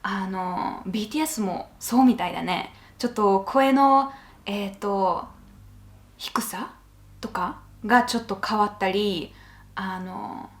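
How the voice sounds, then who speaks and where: A woman with a lilt chatting casually as she reacts to video clips, thinking aloud with many fillers. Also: medium pitch.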